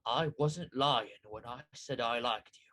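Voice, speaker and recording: A man's voice: medium pitch, a little slow, pushed and bright. A man playing a breezy, mock-apologetic villainous captor in a sci-fi comedy spoof. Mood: flippant.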